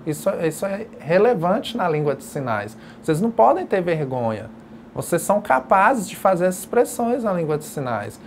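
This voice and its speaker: Creaky-voiced patient sign language teacher. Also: mid-range voice, a little hiss or hum. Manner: patient, explanatory, demonstrating step by step. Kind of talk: recorded distance-learning lecture. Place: educational video studio.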